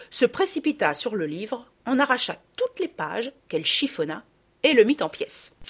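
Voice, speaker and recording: A woman narrating a storybook in an expressive, dramatic reading. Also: mid-range voice.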